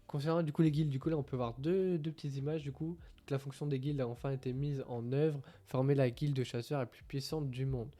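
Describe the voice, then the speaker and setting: Faint music plays behind a gaming streamer whose mellow, mid-range voice stays fairly even, running a little fast with few pauses. He casually reads translated patch notes, hesitant and filler-heavy, and says English isn't his strong point.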